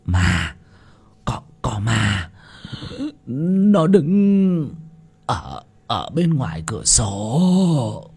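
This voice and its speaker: A man's voice: mid-range voice, big pitch swings, drawn-out words, vocal fry, darkish tone, slightly rough, full character voice. A man voicing a cowardly old village landlord who stammers and trembles with fear. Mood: terrified.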